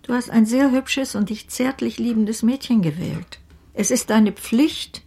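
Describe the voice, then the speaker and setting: An actress playing a wise, firm, kindly elderly aunt in a radio play, husky and gravelly, deliberate and gently admonishing. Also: female voice, a little high, full character voice. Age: older.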